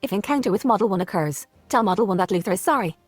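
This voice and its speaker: A woman's voice: medium pitch, animated, rapid-fire, soft background music, close to an everyday voice. Woman reading as a dutiful game robot. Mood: plain. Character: polite helper robot in a game.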